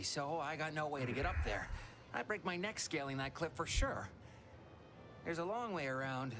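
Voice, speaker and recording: A jittery corporate clerk from a video game, all folksy chatter and nervous schemes. His voice sits high and runs on quickly, with a faint hiss behind it. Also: a bit bright. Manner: folksy, fast-talking, jittery.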